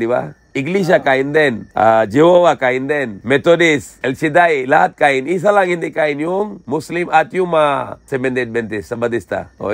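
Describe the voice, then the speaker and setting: A male preacher gives a plain religious talk in a mid-pitched voice. He speaks in short, simple phrases, keeps asking questions and answering them himself, and keeps checking in with his listeners. The recording sounds dry and close. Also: no echo. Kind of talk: religious lecture.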